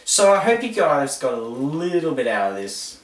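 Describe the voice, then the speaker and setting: A man's voice: on the high side, normal speed. A man hosts a casual explainer, joking and rambling as he goes and poking fun at himself. He sits some way back from the mic in a roomy, echoing space. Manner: playful, rambling, self-mocking, animated storytelling. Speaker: host. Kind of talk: jokey explainer monologue. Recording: roomy echo, distant mic.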